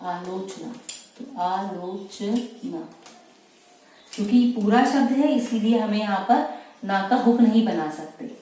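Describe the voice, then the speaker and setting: A woman teaching shorthand, slowly and patiently explaining each word. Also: mid-range voice, warm tone. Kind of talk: slow dictation-style shorthand lesson. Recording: echoey room, mic far off, faint noise.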